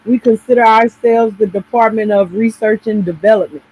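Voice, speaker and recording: A woman's voice: on the high side, normal speed, warm tone. A woman hosting a live stream in casual chat, talking bluntly with plenty of swearing and teasing. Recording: noisy stream audio.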